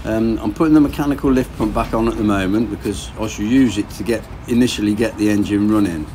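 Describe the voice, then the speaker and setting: Talking fast in a lowish voice, a boat engine rebuild vlogger in his thirties thinks aloud in a relaxed, plain-spoken way as he works on the engine in his garage. A little hiss or hum sits under the recording.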